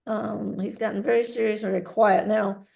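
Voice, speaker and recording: A woman working as a medium, relaying a spirit's messages in a halting way, often repeating words. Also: mid-range voice, fairly even intonation, vocal fry, a little mellow. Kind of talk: mediumship reading.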